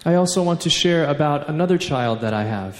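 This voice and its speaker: A man in his thirties giving an earnest faith talk, with light self-mocking humor, pausing for an interpreter. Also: a little high, lively intonation, a crowd in the background, noisy background. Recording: long hall reverb.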